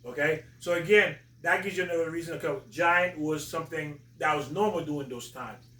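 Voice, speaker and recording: A man hosting a talk, explaining religious stories in a halting, emphatic storytelling way. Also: a little high, bright, forceful tone. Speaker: host, religious teacher. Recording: roomy echo, distant from mic.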